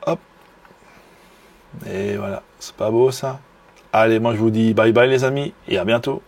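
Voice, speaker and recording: On the low side and a little slow, this man's voice carries a Belgian French accent; he's from Belgium. As a knife hobbyist vlogger showing a knife in a casual video review, he hesitates a lot, with many fillers and restarts and admiring enthusiasm.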